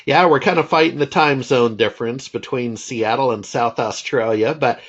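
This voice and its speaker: A man interviewing a guest over a low-quality voice call, asking easygoing, rambling questions. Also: normal speed. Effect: low-quality voice call audio. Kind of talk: casual remote interview chat. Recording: muffled lo-fi voice call.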